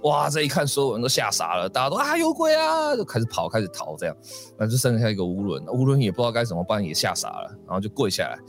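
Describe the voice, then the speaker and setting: A man's voice: fairly low pitch, expressive, racing, faint music behind. A man hosting a podcast, casually telling a folk ghost story with many fillers and acted voices. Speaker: podcast host.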